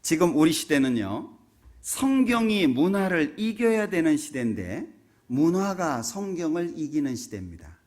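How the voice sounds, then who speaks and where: A man's voice: fairly high pitch, sing-song, normal speed, darkish tone. A man preaching a sermon in a church. He tells a funny story and keeps asking the congregation rhetorical questions. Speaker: pastor. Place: church sanctuary.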